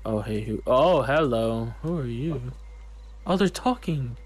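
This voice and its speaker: A man's voice: medium pitch, expressive, unhurried, husky. A young man reacting and joking with friends while playing a game, laughing often. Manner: laughs often, crude jokes, reacts aloud. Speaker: gamer. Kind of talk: casual gaming chat.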